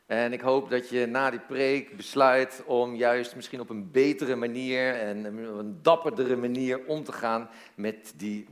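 A man preaching a sermon as pastor, telling a story and engaging listeners with questions, often repeating words as he goes. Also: medium pitch.

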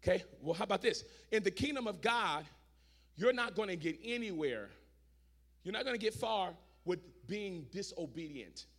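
A male pastor preaching to a congregation, swinging between shouted lines and low, joking asides full of repeats. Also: big pitch swings, normal speed. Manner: shouts and drops to a low, conversational aside, repeats words, talks back to the crowd. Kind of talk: energetic sermon to a congregation.

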